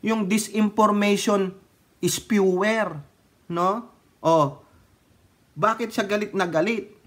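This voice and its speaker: A man's voice: high voice, steady tone, takes it slowly, a bit bright. A man from the Philippines giving casual political commentary, mocking his targets, laughing often and using polite fillers.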